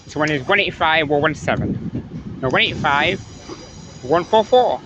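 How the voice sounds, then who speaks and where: A man's voice: on the high side, lively intonation, a little slow. A man giving casual running commentary on a railway platform, reading out train numbers as a spotter. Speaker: trainspotting video maker. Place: outdoors on railway station platform. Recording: dull sound, clear train noise.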